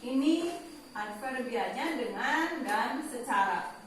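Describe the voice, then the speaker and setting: A woman teacher giving an online language lesson to pupils, animated, slowing down to stress key words. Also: on the high side, slight background noise. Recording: very echoey room, voice from far off.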